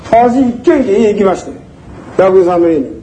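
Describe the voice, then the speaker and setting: A man's voice: high voice, brisk, a little hiss or hum, poor audio. An older man with a Kansai accent telling stories in a lecture, acting out the voices of the people he quotes. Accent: Kansai (Osaka). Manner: animated, acts out voices in quoted dialogue. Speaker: speaker recounting community organizing. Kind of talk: conversational storytelling lecture.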